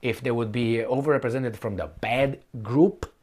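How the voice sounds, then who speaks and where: A man offers unscripted, opinionated political commentary straight to viewers, talking bluntly and colloquially. He repeats himself haltingly and throws rhetorical questions at the listener, his mid-range voice carrying a darkish tone.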